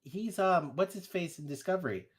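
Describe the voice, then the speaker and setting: A man's voice: sits high, expressive, moderate pace, breathy edge. A man co-hosting a casual film podcast, joking around and laughing easily. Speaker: podcast co-host. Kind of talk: casual chat.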